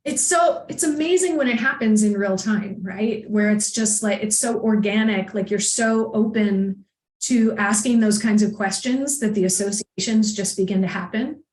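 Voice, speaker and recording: A woman coach as a podcast guest, telling personal stories in a chatty, animated way and laughing often. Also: mid-range voice, normal speed. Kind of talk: casual conversation, personal storytelling. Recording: echoey room.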